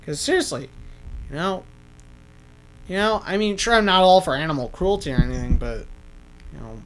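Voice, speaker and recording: A man's voice: fairly high pitch, animated, moderate pace. A man giving casual gameplay commentary as a let's-play host, rambling and correcting himself as he goes. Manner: rambling, self-correcting, laughs at own slips.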